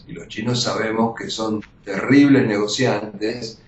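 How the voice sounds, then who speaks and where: Older argentine guy giving interview answers, emphatic, lots of pauses, echoey dull lo-fi audio. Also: steady tone. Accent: Argentine Spanish. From born in Austria to Russian parents. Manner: emphatic, measured, with frequent pauses and restarts. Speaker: journalist, interview guest. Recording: roomy, dull lo-fi audio with faint rumble.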